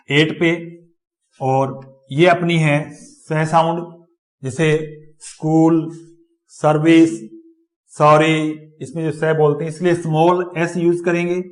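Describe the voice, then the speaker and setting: A man giving a step-by-step lecture, repeating each example word as he explains. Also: fairly high pitch. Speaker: teacher. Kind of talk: classroom lecture on phonetics.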